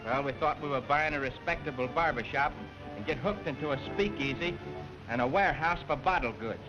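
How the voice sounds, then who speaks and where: A man's voice: a little high, a little fast. An actor playing an earnest, worried young man, speaking eagerly, in early talkie film sound. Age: young adult. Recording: dull 1920s film soundtrack with music.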